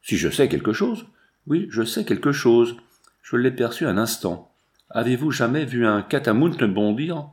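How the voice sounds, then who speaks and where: A man voicing a jovial old male mountain trapper with a gruff, folksy, cackling manner. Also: medium pitch, big pitch swings, unhurried, a little mellow. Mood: grim.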